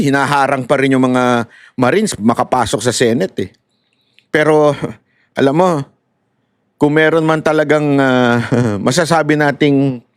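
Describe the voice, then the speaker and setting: Man, fairly high voice, dry close sound, mocking and animated. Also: no echo. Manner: animated and mocking, mixing Tagalog and English, laughing often. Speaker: political commentator. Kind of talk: live commentary addressing viewers.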